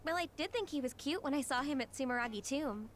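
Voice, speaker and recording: A bubbly young sister. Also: female voice, high-pitched, animated, fast, faint music behind. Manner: bright, bubbly and affectionate. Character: cheerful caring young woman, younger sister.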